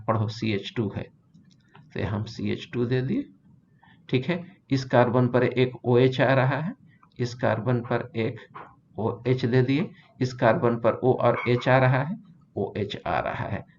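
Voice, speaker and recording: A man's voice: mid-range voice, darkish tone. A man teaching a chemistry lecture in Hindi mixed with English, explaining step by step with playful asides. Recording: slightly dull recording with faint background hiss.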